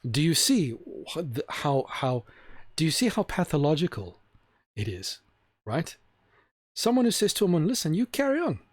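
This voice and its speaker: A man's voice: a little high, sing-song, normal speed, long pauses, no echo, clean studio sound. A man giving an opinionated monologue to camera, rambling with restarts and asking rhetorical questions. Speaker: video host. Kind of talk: opinionated talking-head monologue.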